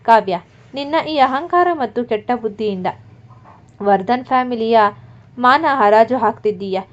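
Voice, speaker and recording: A woman's voice: fairly high pitch, expressive, unhurried. A woman voicing a stern, commanding young male company boss in a storybook reading, in a muffled lo-fi recording. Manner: commanding, firm.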